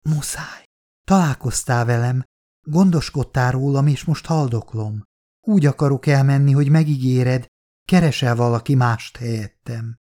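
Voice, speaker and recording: A man voicing a frail, stubborn young woman near death, speaking softly, hoarse and teasing. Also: mid-range voice, lightly acted. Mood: insistent.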